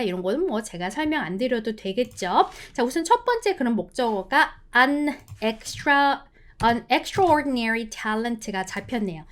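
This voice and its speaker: Lively Korean woman teaching English. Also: a little high. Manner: lively, explains step by step with frequent check-in questions; slows down to spell out English phrases. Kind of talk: online exam-prep lesson.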